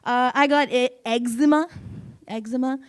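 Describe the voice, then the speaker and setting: A young woman doing an open mic stand-up set on a small stage, deadpan with sudden loud bursts and giggles. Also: high-pitched, normal speed. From Canada. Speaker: stand-up comedian. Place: small comedy venue on stage.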